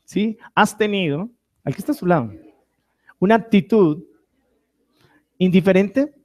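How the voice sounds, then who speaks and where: Predicador de voz aguda y expresiva. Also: male voice, high voice, a little slow. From Colombia. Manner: preaching with call-and-response to the congregation; animated, swinging between loud and soft. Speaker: pastor. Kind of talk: sermon. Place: church.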